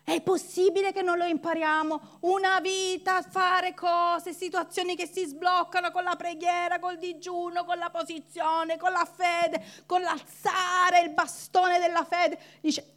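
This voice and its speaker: This woman pastor preaches a sermon in a very high-pitched, unhurried voice. She's animated, acting out the people in her story and laughing as she quotes them.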